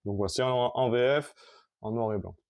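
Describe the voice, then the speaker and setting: Man rambling about his collection, mellow voice. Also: mid-range voice. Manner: rambling, halting, with many restarts and fillers. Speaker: collector showing his comics. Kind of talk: casual collection vlog.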